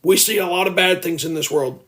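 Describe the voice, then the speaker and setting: High-pitched, a bit bright, and a little fast, the voice belongs to a man in his early 20s hosting a casual livestream indoors at home. He talks into a phone earnestly and at length, reads viewers' comments aloud, and his voice turns gravelly now and then.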